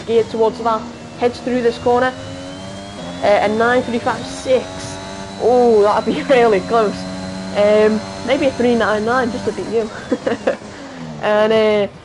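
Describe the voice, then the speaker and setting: A woman with a Liverpool accent doing live sim-racing commentary, halting with fillers and jumping up in excitement at crashes. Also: on the high side, noisy background. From Liverpool, England.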